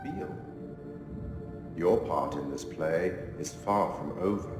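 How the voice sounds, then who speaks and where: An actor playing a sinister, refined gentleman who hosts horror tales in a video game, speaking in a measured, ominous and wryly courteous theatrical manner. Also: very deep voice. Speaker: narrator host addressing the player. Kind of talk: theatrical scripted monologue, literary quotations. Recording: echoing hall reverb, music behind.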